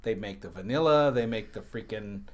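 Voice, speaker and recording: A man's voice: lowish voice, moderate pace, slight background noise. A man co-hosting a casual chat, telling rambling anecdotes with dry asides. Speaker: co-host. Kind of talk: casual chat about whiskey.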